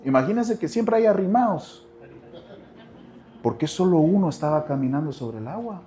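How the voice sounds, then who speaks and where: Speaking expressively at a moderate pace, a male pastor preaches straight to his congregation, repeating phrases. His voice drops to soft, low asides and rises to loud cries, with a little hiss or hum in the background.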